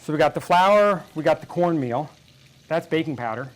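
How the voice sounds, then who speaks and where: A man in his forties hosts a baking show, chatting casually and teasing his guest while he bakes. His slightly high voice is expressive and moves at a normal pace, though the recording is rough.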